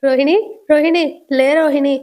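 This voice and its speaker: A woman's voice: sits high, steady tone, moderate pace, darkish tone, close to an everyday voice. A woman voicing a nervous grown son who panics at strange sounds. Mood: scared.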